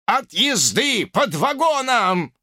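Tramp, shrill, squawking, indignant, audiobook, dry sound. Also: male voice, very animated, moderate pace, pushed and bright, no echo, heavily acted. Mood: hollering.

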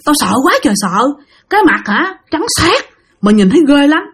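A frightened man, voiced by a woman gasps out his story at a quick, rushed clip. His voice sits somewhat high with fear. Each phrase spills out breathless and urgent. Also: sing-song. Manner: breathless, fearful retelling. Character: frightened male doctor telling a ghost encounter.

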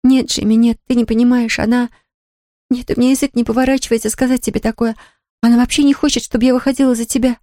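A woman's voice: a little high, level tone, quick pace, dark tone, no echo, clean studio sound, pitched above the performer's own voice, lightly acted. A woman voicing a distraught young woman who pleads in a trembling voice, near tears. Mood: tearful.

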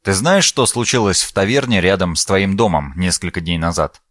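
A man reads a shrewd detective in a storybook, courteous and composed. His questions come calmly in a near everyday voice with lively turns of pitch. The recording is close and dry. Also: moderate pace, dry recording. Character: polite, shrewd male detective. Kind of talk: audiobook character voice.

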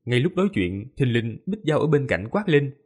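A man narrating a fantasy novel audiobook with lively, expressive storytelling. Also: mid-range voice, normal speed, husky.

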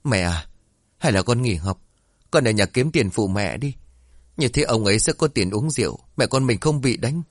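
A man's voice: medium pitch, lively intonation, normal speed, no echo, clean studio sound, natural voice. A man voicing a worried teenage son who fears for his beaten mother. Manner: anxious, pleading. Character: worried teenage schoolboy son, loving and frightened.

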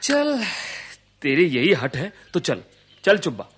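A woman voicing a worried, gentle village father in an educational radio drama, talking in a hesitant, pleading way. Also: low voice, huge pitch swings, slow, noisy background, full character voice. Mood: resigned.

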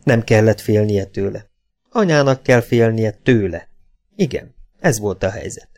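A man narrating an audiobook in a low, measured storytelling tone. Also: expressive, darkish tone.

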